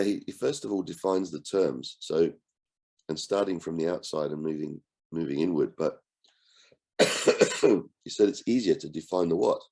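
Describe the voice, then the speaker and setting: A man with a cold and a croaky voice, hosting an online book discussion in a relaxed way and asking his group questions. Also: sits low. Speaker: book club host and coach.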